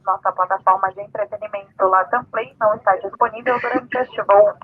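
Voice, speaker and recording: A man's voice: high voice, steady tone, husky, no room sound. A pre-recorded male airline announcement heard through a caller's open mic on a video call, with a garbled, half-robotic sound. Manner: formal, measured announcing. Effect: garbled half-robotic voice over a call line. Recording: tinny call line, faint music.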